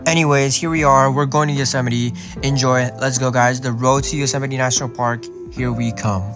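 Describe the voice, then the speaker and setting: A man's voice: medium pitch, fairly even intonation, brisk, loud music behind the voice. A man vlogging a road trip, chatting casually to viewers and calling them y'all. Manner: laid-back, addresses viewers as y'all. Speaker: travel vlogger. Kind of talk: casual chat to camera. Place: outdoors on a mountain road trip and in a car.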